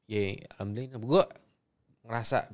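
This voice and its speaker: A man's voice: mid-range voice, fairly even intonation, moderate pace. A young man, a guest actor in casual chat who laughs, fumbles and repeats himself.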